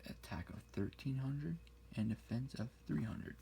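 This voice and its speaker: A man speaking very quietly, sometimes whispering, close to the ear in an ASMR style, reading things out slowly. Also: mid-range voice, lively intonation, creaky, noisy background. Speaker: ASMR card collector showing a deck. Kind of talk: quiet ASMR talk, soft-spoken to whispered. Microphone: close-up ASMR mic.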